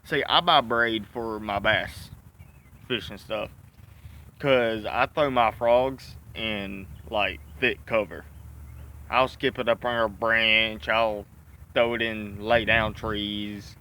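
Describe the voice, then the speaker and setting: Bright-voiced Southern man talking with a dip. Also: on the low side, fairly even intonation, slow pace. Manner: talking with a dip of chewing tobacco in the lip; folksy, mildly profane. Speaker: fishing vlogger. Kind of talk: casual rambling chat to camera.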